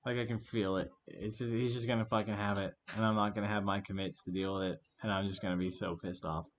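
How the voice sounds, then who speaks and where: A man's voice: on the low side, level tone, fast talker. Foul-mouthed gamer ranting at his opponent. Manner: swears constantly, swings from muttering gripes to yelling rants at his opponent. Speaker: gaming streamer. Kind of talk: commentary over his own online card game.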